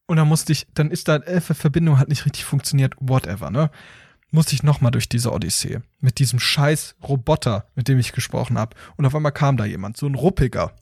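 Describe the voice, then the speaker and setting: A man hosting a casual podcast, telling a story with lively acted-out voices of phone agents and a robotic menu. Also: mid-range voice, fairly quick, breathy edge, dry recording, studio quality.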